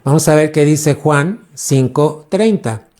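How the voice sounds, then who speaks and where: A man's voice: fairly high pitch, slow, a little mellow. A man, a pastor preaching a teaching sermon and quizzing his congregation with questions.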